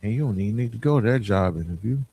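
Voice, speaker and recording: A podcast host delivers an emphatic, colloquial motivational monologue, telling stories and repeating key phrases while addressing listeners informally. His voice is fairly low and dark with a slight roughness, and he speaks in an animated, rapid-fire way.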